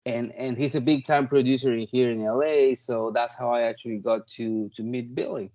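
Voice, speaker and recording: This touring drummer, a Peruvian man in his thirties whose first language is Spanish, chats away as an interview guest, dropping "like" and "you know" constantly. He has a mid-range, slightly mellow voice with fairly even intonation at a normal speed, and the audio is dull.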